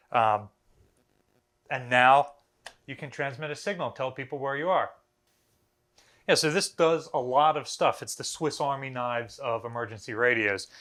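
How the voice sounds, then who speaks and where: A museum video host, an American man in his thirties, gives an informal explainer to camera from a small, bare indoor room. He talks casually with a wry, dry sense of humour, his middle-pitched voice carrying a bright, forceful edge.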